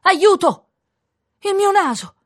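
A woman voicing a panicked middle-aged man in a storybook, shouting shrilly in alarm. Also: extremely high pitch, lively intonation, takes it slowly, dry recording, clean studio sound, pitched above the performer's own voice, heavily acted. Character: panicked middle-aged man who lost his nose.

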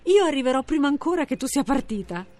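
A woman's voice: big pitch swings, quick pace, a little mellow, soft background music. A woman voicing a boastful, cocky young female hare who brags and taunts in a storybook reading. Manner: bragging, taunting, shrill laughter.

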